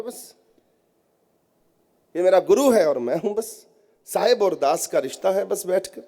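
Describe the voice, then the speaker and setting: A man's voice: sits high, darkish tone. A man giving a devotional sermon to a congregation, talking to them directly in an earnest, coaxing way. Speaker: spiritual teacher. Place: prayer hall at a gathering.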